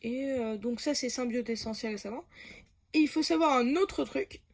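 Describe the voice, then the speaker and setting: A woman's voice: fairly high pitch, moderate pace, a little mellow. A woman talking casually about comics for her channel, hesitant, with many fillers, self-corrections and frequent laughs. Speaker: comics YouTuber.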